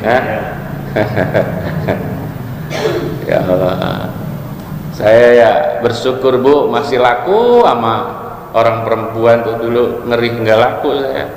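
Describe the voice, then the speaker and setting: A man's voice: medium pitch, slow, gravelly, long pauses, a little mellow, slight background noise. A man giving a casual religious study lecture, joking and asking his listeners questions. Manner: joking, asks the audience questions. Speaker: religious teacher. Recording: echoey hall with faint ambience.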